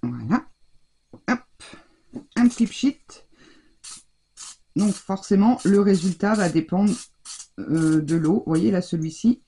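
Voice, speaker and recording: Gravelly, dark-voiced woman demonstrating crafts. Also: fairly low pitch, lively intonation, takes it slowly, long pauses, slight background noise. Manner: talks straight to viewers while working, restarts and trails off. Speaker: craft tutorial host. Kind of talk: chatty hands-on craft demonstration.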